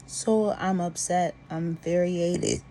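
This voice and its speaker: A woman's voice: on the low side, fairly even intonation, slow, warm tone, a little hiss or hum. A woman venting about personal grievances to camera in an emphatic, aggrieved way.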